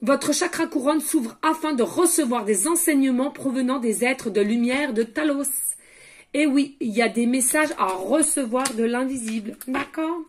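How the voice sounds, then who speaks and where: High-voiced chatty woman medium. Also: moderate pace. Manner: chatty, sprinkles asides and questions to viewers; drops to murmurs when asking the universe for messages. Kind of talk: oracle card reading guidance.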